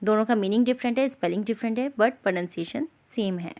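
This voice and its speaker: A woman with an Indian accent teaching an English textbook lesson, reading English lines slowly and then explaining them in Hindi. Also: fairly high pitch, a little mellow.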